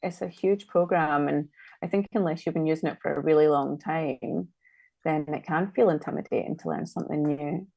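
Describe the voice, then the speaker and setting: A woman's voice: sits low, steady tone, moderate pace, vocal fry, darkish tone, no room sound. A woman with a Scottish accent, a designer chatting casually and thinking aloud as she works through a live-stream demo. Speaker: designer guest.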